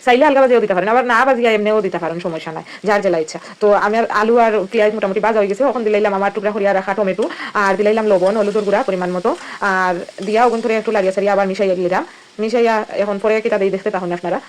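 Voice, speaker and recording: A woman's voice: medium pitch, fairly even intonation, racing. A woman with a Sylheti accent, chatting casually as she walks through a home recipe step by step. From Sylhet, Bangladesh. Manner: chatty, explains each step as she cooks. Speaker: cooking vlogger. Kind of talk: casual cooking narration.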